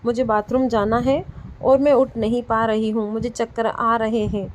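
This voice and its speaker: A woman's voice: fairly high pitch, flat delivery, moderate pace, slight background noise, close to an everyday voice. A teasing young wife, read by a woman. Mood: playful. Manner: teasing, childlike, mildly pouting. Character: playful young wife, twenty, sick with fever. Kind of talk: storybook dialogue reading.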